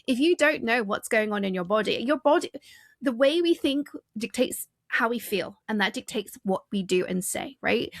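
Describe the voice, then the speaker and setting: A woman's voice: on the high side, animated, moderate pace, dry recording, clean studio sound. A woman executive coach speaking as a guest on a podcast, explaining ideas energetically and emphatically. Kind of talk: interview conversation, explaining a framework.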